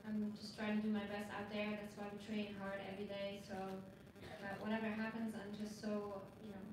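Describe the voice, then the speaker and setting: A woman's voice: medium pitch, monotone. Woman from Lebanon in an echoey hall. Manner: chatty, halting, many fillers. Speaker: panel guest, marathon runner. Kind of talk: casual panel talk. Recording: echoey, distant mic, noisy ambience.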